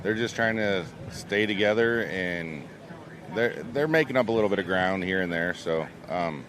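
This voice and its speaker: A crewman giving halting, understated answers in an informal outdoor interview. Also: sits low, animated, a bit bright. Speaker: race team crew member being interviewed. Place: outdoors in the wind with race crews.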